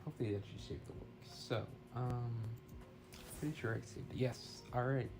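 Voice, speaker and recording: A man's voice: mid-range voice, normal speed. A man casually talking through his work on a live stream, thinking aloud hesitantly, slightly far from a phone mic. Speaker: game development live streamer. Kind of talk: casual live stream commentary while working. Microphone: phone used as a microphone. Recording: slightly distant phone mic, roomy sound. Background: music.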